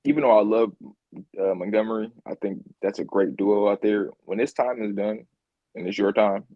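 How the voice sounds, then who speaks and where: A man's voice: fairly low pitch, fairly even intonation, moderate pace, no echo, lo-fi sound. A man co-hosting a podcast, chatting casually about football, repeating himself and laughing easily. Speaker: podcast co-host. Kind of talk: casual sports chat.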